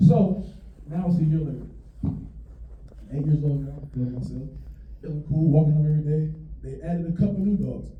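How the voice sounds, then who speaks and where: A man's voice: on the high side, normal speed, long pauses, echoey room, recorded from a distance, phone-quality sound, slight background noise. A young man doing stand-up storytelling on a comedy stage and acting out the voices of the people and animals in his story. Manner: animated, acts out voices of grandma and dogs. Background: audience laughter.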